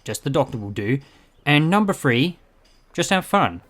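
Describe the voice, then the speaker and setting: A man's voice: a little high, very animated, normal speed, a bit bright. A man playing a confident, jovial, time-travelling adventurer in an audio drama, breezy and theatrical in his delivery. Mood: jovial, brisk.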